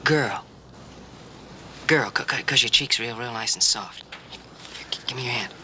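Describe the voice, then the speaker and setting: An actor playing a patient young cowboy who teaches a deaf girl sign language, speaking gently and coaxingly in a 1960s TV western. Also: medium pitch, a little hiss or hum. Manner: gentle, coaxing, repeats words slowly.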